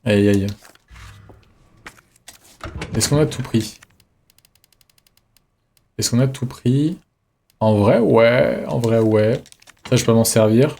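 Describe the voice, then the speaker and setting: A man streaming a game live, thinking aloud in a relaxed, reflective way as he chats with his viewers. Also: mid-range voice, slow, gravelly, pauses often, slight background noise. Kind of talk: live gameplay commentary, chatting with viewers.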